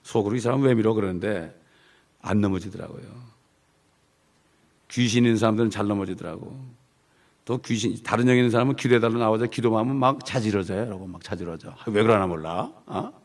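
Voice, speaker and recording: Gravelly-voiced preaching man. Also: fairly low pitch, fast talker. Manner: emphatic preaching, repeating key phrases in English. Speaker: pastor. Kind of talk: sermon.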